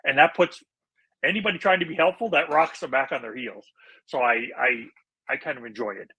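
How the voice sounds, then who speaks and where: A man's voice: mid-range voice, a little fast, sharp tone, husky, rough recording. A man co-hosting a podcast in casual chat, explaining things in an earnest, easygoing way. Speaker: podcast co-host.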